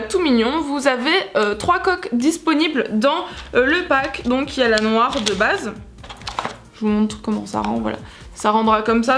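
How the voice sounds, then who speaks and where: A young woman vlogger chatting casually through a product demo, full of fillers and little spray and click sounds she makes herself. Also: sits high. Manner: chatty, many fillers, sound effects like pchit and tac. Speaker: beauty vlogger.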